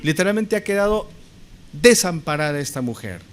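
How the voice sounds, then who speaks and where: Male pastor, sermon delivery: slightly high voice that swings widely in pitch, emphatic, keeps putting rhetorical questions to the congregation. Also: very animated, normal speed. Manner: addresses listeners as brothers.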